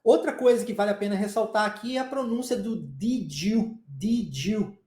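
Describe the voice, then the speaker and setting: A man's voice: high-pitched, expressive, brisk, a little mellow, echoey room. A man with a Southeastern Brazilian accent, teaching English pronunciation in a live class in a chatty way and checking in with his students often. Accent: Southeastern Brazilian Portuguese. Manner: chatty, checks in often with "tá?", coughs now and then. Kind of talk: live online class, casual explanation.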